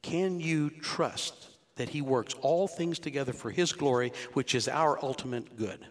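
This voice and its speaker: In a church with long hall reverb, a man in his sixties preaches a conversational sermon to his congregation, posing rhetorical questions. His pitch sits in the middle and he takes his time.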